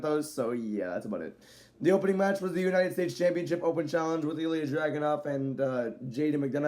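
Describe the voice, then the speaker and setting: A man giving a casual, rambling video review, filling pauses with "so, yeah" and now and then speeding up. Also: a little high, a little mellow. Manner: rambling, loose delivery with frequent "so, yeah" fillers; at times speeds up. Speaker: wrestling show reviewer.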